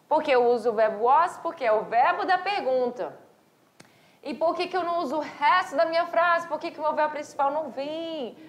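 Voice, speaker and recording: A woman from Brazil teaching an English class, explaining step by step with rhetorical questions and reading examples slowly. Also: high-pitched. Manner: asks rhetorical questions and answers them. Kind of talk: recorded online class for high school.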